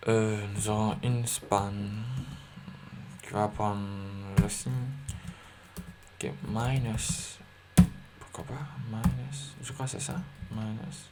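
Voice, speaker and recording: Over loud background music, a man with a low, monotone voice teaches a screen-recorded coding lesson at a slow pace, pausing often. He thinks aloud, packing in fillers and self-corrections, while faint typing and clicking come through.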